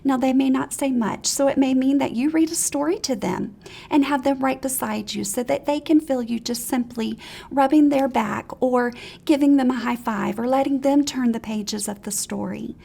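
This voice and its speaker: A woman's voice: sits high, normal speed, creaky, slightly rough. A woman teacher trainer giving an encouraging, practical seminar talk to preschool teachers. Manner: encouraging, practical, animated examples.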